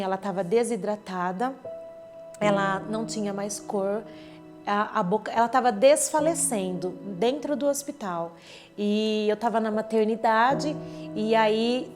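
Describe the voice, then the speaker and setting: A woman gives a personal church testimony, retelling events vividly and with emotion, acting out what others said. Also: mid-range voice. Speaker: church member giving testimony. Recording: clear background music under speech. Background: soft instrumental music.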